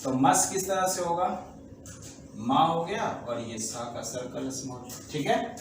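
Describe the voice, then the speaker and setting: Slow-talking male shorthand teacher, echoey room. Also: a little high. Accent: Hindi. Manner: slow, repetitive explaining, asks the class checking questions. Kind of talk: classroom lesson explaining rules. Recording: echoey room, voice from far off, faint background noise.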